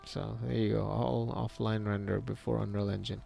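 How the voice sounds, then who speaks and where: A man hosting a casual livestream, chatting in a relaxed, rambling way, reacting to viewer chat and laughing often. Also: lowish voice, moderate pace, creaky, faint music behind. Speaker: livestream host and 3D artist.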